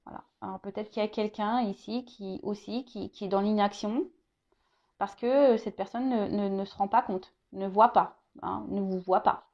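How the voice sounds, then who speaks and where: A woman's voice: medium pitch, fairly even intonation, normal speed, muffled recording. A woman giving a casual tarot reading to her viewers, hesitant, restarting and repeating words, often tagging on little asides. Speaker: tarot card reader.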